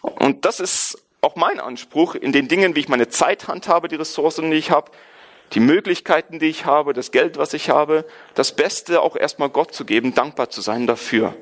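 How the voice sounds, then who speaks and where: A man's voice: fairly high pitch, normal speed, a bit bright. A man from Germany giving an earnest, emphatic sermon, reading scripture aloud and stressing points by repetition. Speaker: preacher.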